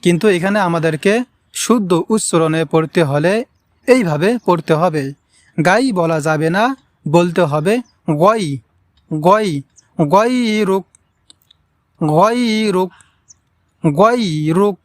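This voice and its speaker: A man's voice: fairly high pitch, unhurried, pauses often, no room sound. A man teaching careful pronunciation of an Arabic prayer, patiently repeating words and stretching out the long vowels for learners. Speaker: Quran recitation teacher. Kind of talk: slow pronunciation lesson with drawn-out Arabic recitation.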